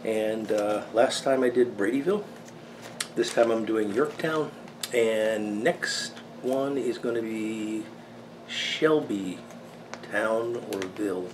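Fifties American man, lowish voice, casual review chat, halting delivery, noisy small workshop. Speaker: pipe tobacco reviewer. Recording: clearly noisy room background.

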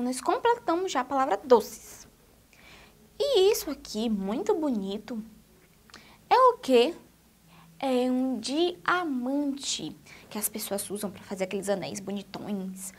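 A woman teacher with a high, sweeping voice that climbs and dips a lot. She speaks slowly and draws out each word in a sing-song way, as if talking to small children. Her accent is Brazilian Portuguese. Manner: sing-song, slow and exaggerated for young children. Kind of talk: children's literacy lesson.

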